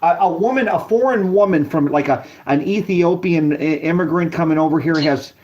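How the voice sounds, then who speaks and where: A man with a higher-leaning, somewhat dark voice talks at a moderate pace in a casual phone conversation. The poor connection sounds dull and lo-fi, and he's easygoing and rambly, frequently restarting what he's saying.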